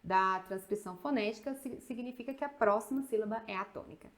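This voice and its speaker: Brazilian woman, English teacher, chatty, slightly high voice, slows down on example sentences. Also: a bit bright. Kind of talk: video lesson.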